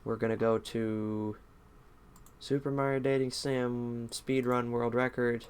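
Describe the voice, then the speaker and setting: A man's voice: medium pitch, level tone, slow pace, clean tone. A young man streaming a game, chatting casually in a rambling, self-deprecating way.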